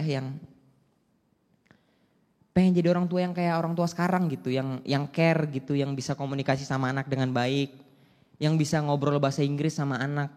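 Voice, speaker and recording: A man's voice: a little high, darkish tone. A man doing stand-up comedy, telling stories in a chatty, self-mocking way. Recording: echoey hall.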